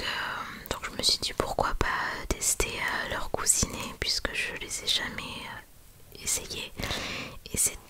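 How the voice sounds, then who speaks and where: Woman whispering softly, hushed ASMR delivery. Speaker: ASMR video creator. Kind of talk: soft whispered ASMR product haul.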